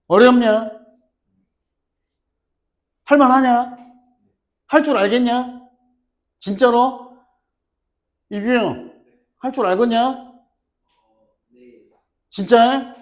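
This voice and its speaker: A middle-aged man teaching English grammar to a high school class, joking and teasing students by name as he lectures. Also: takes it slowly, long pauses. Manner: teasing, animated, banters with students.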